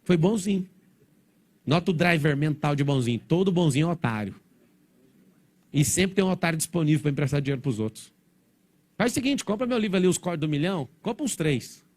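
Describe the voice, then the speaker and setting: A male motivational speaker talking fast to a live crowd, his words coming in quick bursts. His voice sits a little on the high side. His delivery is blunt and provocative. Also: lively intonation, a little mellow. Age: adult, father of four. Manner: blunt, provocative, rapid-fire. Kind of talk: motivational stage talk to a live audience.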